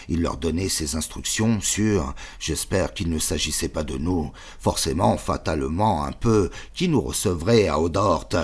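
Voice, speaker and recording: A male audiobook narrator with a very deep voice. He reads a novel in short, measured bursts and lets each clause land on its own. The delivery stays steady and literary. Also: breathy edge. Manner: measured, choppy literary phrasing. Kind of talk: reading a novel aloud.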